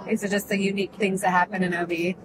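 A woman's voice: mid-range voice, level tone, fast talker, crowd noise, background noise. Encouraging woman hosting a chat. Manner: encouraging, frequent short affirmations and laughs. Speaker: podcast host. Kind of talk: casual interview. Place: indoor event backdrop at a farmers market.

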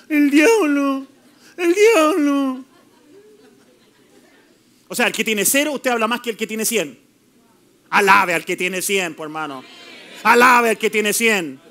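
A man's voice: sits high, sharp tone. A man preaching a fiery, playful sermon as pastor, mixing mockery with rising declarations. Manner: fiery, playful preaching with mocking put-on voices.

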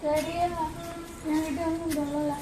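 A woman voicing a small, polite neighbor boy who speaks softly and childishly in a comedy sketch. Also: high voice, flat delivery, measured pace, reverberant, music in the background. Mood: shy, childlike. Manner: soft, childlike, keeps saying aunty.

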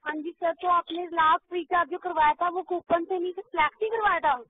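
High, rapid call-center woman over phone. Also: fairly even intonation. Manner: polite, formal, patiently repeating questions. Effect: heard over a phone line. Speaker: customer service agent. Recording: tinny phone line.

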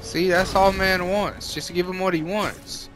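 A man's voice: high voice, fairly even intonation, measured pace, fairly bright tone. A young man casually commenting while he plays a video game, joking along. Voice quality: laid-back, jokey. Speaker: gaming youtuber. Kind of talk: casual let's-play commentary. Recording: commentary over game music.

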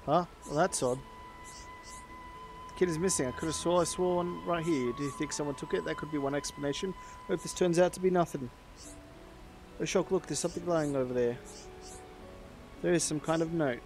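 A man's voice: on the high side, a little fast, pauses often, a little mellow, faint music behind. A man chatting casually while playing a game and reading its dialogue aloud. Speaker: streamer. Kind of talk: casual gameplay commentary.

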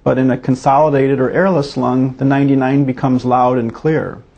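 A man's voice: mid-range voice, creaky, warm tone, husky. A man teaching a medical exam as a physician, talking students through each step in a methodical, explanatory way.

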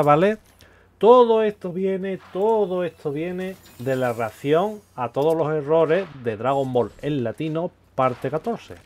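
A man's voice: medium pitch, darkish tone. A man hosting a casual commentary video, talking emphatically and throwing out rhetorical questions. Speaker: youtuber host.

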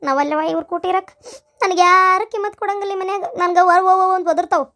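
A woman with a very high voice, a brisk pace, and a sharp tone plays a self-pitying old village woman in a cartoon. She grumbles, scolds, and complains in a North Karnataka Kannada accent.

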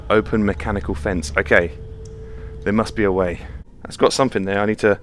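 A man's voice: on the low side, steady tone, a little fast, a little hiss or hum. A man commenting on a horror game as he plays it, jumpy, swearing often and laughing nervously. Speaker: VR gameplay channel host. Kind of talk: live gameplay commentary. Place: home room, playing on the floor.

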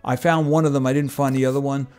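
A man's voice: mid-range voice, little pitch movement, quick pace, a little mellow, clear, resonant tone. A man streaming a farming game, chatting casually and making wry asides. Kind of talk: casual gameplay commentary. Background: game music.

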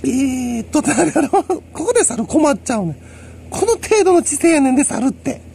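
A man with a Kansai accent rambles through a solo monologue, lecturing and chuckling to himself. His voice is gravelly and dark, with pitch that leaps around. Faint noise sits under the recording. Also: very animated, brisk. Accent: Kansai Japanese. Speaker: solo commentator.

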